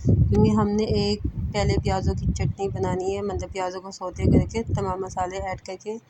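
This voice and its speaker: A woman's voice: mid-range voice, background noise. A woman hosting a home cooking vlog from her kitchen, explaining each step in a chatty way, often checking in with her viewers and calling them sisters and brothers. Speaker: home cook and channel host.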